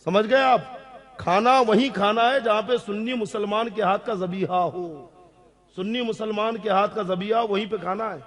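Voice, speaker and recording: A man's voice: high voice, a bit bright. A man, an Islamic scholar, answering audience questions on religious rules, stressing key points and often checking that listeners follow. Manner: emphatic, repeats key rulings.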